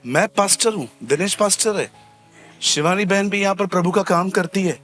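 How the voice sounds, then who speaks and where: A man preaching as a pastor, lively and humorous, acting out little scenes and repeating key phrases for emphasis. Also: sits high, normal speed, soft background music. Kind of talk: sermon.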